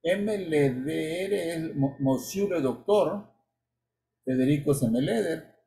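A man giving a narrated slideshow lecture, measured and explanatory, with pauses and restarts. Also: fairly high pitch, expressive, gravelly, mellow, slight background noise. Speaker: history author and lecturer. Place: indoor room, webcam inset.

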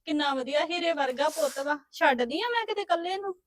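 A woman playing a soft, doting stepmother. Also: sits high, expressive, a little fast, a little hiss or hum. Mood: tender. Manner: soothing, affectionate pleading. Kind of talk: amateur family web drama.

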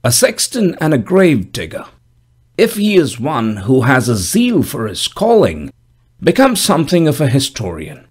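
A man voicing a stern, dry-humored gravedigger of about fifty, speaking in a grave, measured, solemn way in an audiobook. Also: on the high side, a little mellow, breathy edge, voice pushed up, exaggerated voice. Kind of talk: audiobook character voice.

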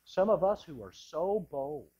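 Husky-voiced preaching pastor. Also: male voice, a little high, expressive, a little slow, highs cut off. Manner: impassioned preaching, swinging from loud to hushed. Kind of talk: sermon. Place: church sanctuary, indoors.

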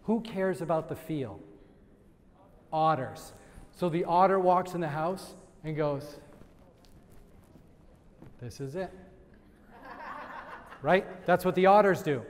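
A man giving a lively sales training talk to a live audience, quizzing the crowd and laughing often. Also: high-pitched, unhurried. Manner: energetic, asks the crowd questions and laughs. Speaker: real estate sales trainer. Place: event room with audience. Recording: long hall reverb.

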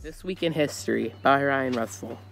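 A man's voice: mid-range voice, moderate pace, vocal fry, a bit bright. A teenage young man reading scripted narration for a history segment. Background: light background music.

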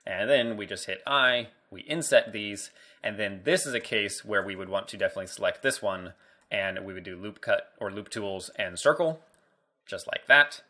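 A man with a lowish, pushed and bright voice speaks at normal speed while guiding viewers through a 3D modeling screencast tutorial. As the instructor, he keeps things casual and thinks aloud as he works.

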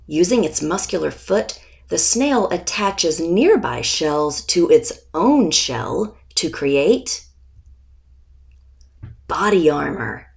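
With a darkish, fairly low voice that has some gravelly creak, a woman reads her children's nonfiction picture book aloud as its author. Her pace is very slow and deliberate, she reads expressively, and she pauses before important words.

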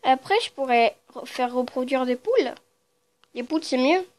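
High-voiced woman narrating a game. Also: expressive, moderate pace, darkish tone. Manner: muttering low, then bursting into startled shrieks and swearing; chatty with viewers, talks to the game creatures. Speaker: let's play gamer. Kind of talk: casual game commentary.

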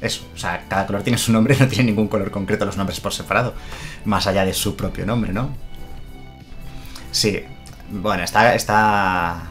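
A man's voice: lowish voice, fairly even intonation, moderate pace, a bit bright, faint music behind. Chatty Spanish-male streamer. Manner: chatty, explains and answers viewers' comments. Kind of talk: casual live-stream chat.

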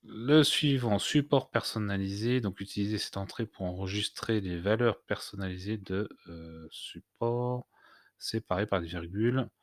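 Male tutorial host, low-pitched, halting delivery with fillers, dry close-miked sound. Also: no room sound. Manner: hesitant, many "heu" fillers and restarts. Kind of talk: screen-recorded software tutorial.

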